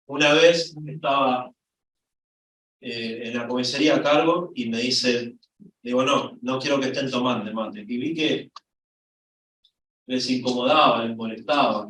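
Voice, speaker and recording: A middle-aged man with an Argentine accent preaching a sermon, telling a story with lively rises in his voice. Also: mid-range voice. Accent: Argentine Spanish. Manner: storytelling, lively, voice rising when excited. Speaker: pastor. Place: church hall. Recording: echoey church from far off.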